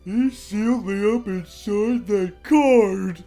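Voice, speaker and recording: Whiny, melodramatic fat game bird, played by a man: loud, slow, high-pitched, faint music behind. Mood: melodramatic whining. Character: plump, food-loving chocobo bird, whiny and melodramatic. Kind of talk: amateur game character dub.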